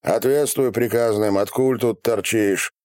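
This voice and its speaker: A man voicing a rude, bullying official who barks questions and shouts in an audiobook. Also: fairly low pitch, fairly even intonation, a little slow, no echo, studio quality, pitched above the performer's own voice, lightly acted. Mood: bullying, shouting. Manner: barking, jeering, shouting questions. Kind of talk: audiobook character reading.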